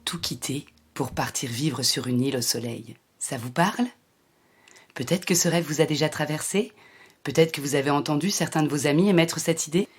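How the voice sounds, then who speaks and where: A French-speaking woman hosts a podcast, reading a scripted intro before chatting eagerly with her guest. Her voice is low-pitched and her pace is normal.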